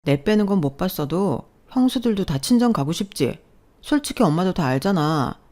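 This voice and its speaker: A woman's voice: on the low side, lively intonation, normal speed, mellow, close to an everyday voice. A woman voicing a young husband in a radio drama who argues bluntly with his family on his wife's behalf. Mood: arguing. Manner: blunt, argumentative pleading.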